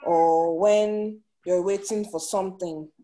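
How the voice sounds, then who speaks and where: A woman's voice: medium pitch, fairly even intonation, takes it slowly, mellow, faint music behind, rough recording. A woman in an online discussion group on a video call, hesitantly explaining what she learned about patience. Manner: hesitant, searching for words with many ums. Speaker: group member. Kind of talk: casual online group meeting.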